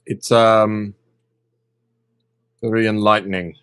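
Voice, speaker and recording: A man's voice: fairly low pitch, flat delivery, slow pace, a bit bright, clean tone. A man playing a tabletop game, speaking with wry, self-deprecating humor. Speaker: player.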